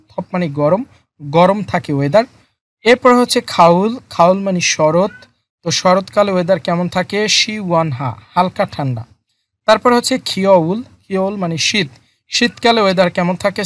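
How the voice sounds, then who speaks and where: A teacher explaining a textbook lesson in a slow word-by-word way, repeating each term with frequent fillers. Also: mid-range voice. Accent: Bangladeshi Bengali. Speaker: Korean language teacher. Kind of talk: lesson explaining vocabulary and grammar.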